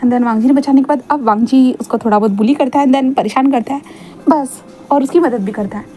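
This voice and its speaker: A woman's voice: sits high, fairly quick, mellow, slight background noise. A woman casually retelling a fan fiction story in a conversational, unscripted way with restarts.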